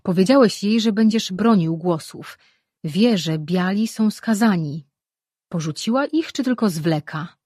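A woman voicing a skeptical, sour-tongued sorceress in an audiobook, reading in a husky voice. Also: medium pitch, lively intonation, measured pace, mellow, no echo, studio quality. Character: sharp, sour-tongued female sorceress twin.

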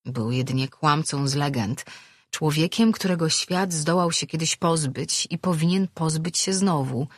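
An audiobook narrator reading a fantasy novel with a steady, even delivery. The voice is husky and mid-pitched. It sounds close and dry. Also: unhurried, no room sound. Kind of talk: scripted narration.

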